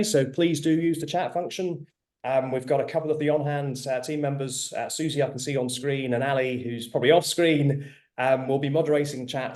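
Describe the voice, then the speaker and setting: Halting male webinar moderator, mid-pitched. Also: darkish tone. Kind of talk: informal hosting of an online panel.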